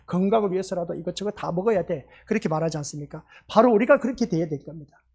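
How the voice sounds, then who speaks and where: A woman's voice: mid-range voice, darkish tone, breathy edge. A woman pastor preaching a sermon in a small church, asking rhetorical questions and acting out quotes.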